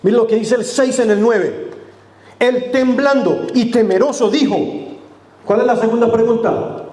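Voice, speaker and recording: Male pastor, high mellow voice, earnest sermon, roomy church mic. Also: measured pace. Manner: earnest, addressing the congregation directly; dramatic drops to a hushed voice for quotes. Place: church sanctuary. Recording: echoey church room.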